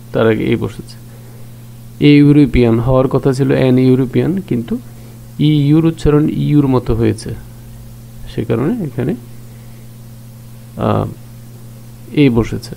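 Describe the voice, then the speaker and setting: A man teaching a grammar lesson. He explains each rule step by step, asks questions and answers them himself, and reads example sentences out slowly. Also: mid-range voice, vocal fry, mellow, a little hiss or hum, poor audio. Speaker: English teacher.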